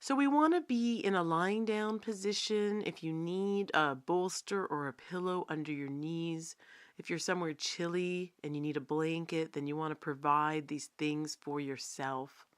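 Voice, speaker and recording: With a deep voice and a clean tone, a female meditation instructor walks the listener through a body scan. She stays calm and unhurried, guides gently, and leaves long silences along the way.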